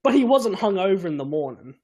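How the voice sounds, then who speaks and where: A man's voice: sits high, very animated, fast talker, mellow. A young man chatting casually on a podcast, telling a funny story with laughs and swearing. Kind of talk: casual chat.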